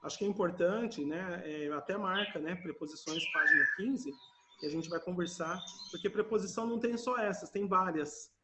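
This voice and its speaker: Brazilian male teacher, high voice, patient drills over video call, light hiss. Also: moderate pace. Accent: Brazilian Portuguese. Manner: patient, repeats words for students to echo. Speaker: English teacher. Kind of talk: online class teaching.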